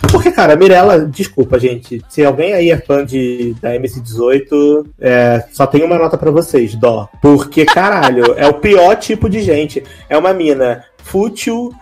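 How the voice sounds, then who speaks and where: A man's voice: fairly high pitch, expressive, moderate pace, few pauses, a little mellow. A man, co-hosting a casual gossip chat and animatedly mimicking people. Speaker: podcast co-host.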